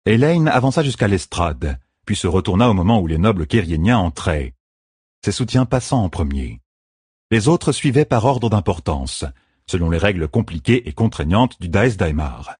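A man narrating a fantasy audiobook with an expressive, measured reading. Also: on the low side, breathy edge, no room sound, studio quality.

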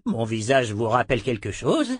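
A man voicing a prickly, sharp-tongued old man who has lost his memory, testy and sarcastic. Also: mid-range voice, big pitch swings, normal speed, breathy edge, dry recording, studio quality. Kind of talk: audiobook character voice.

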